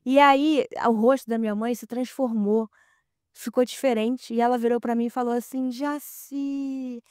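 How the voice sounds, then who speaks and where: A woman with a Brazilian accent, a podcast guest telling a personal story in a casual, animated way and acting out the dialogue. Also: fairly high pitch, moderate pace, smooth, no room sound, studio quality. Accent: Brazilian Portuguese.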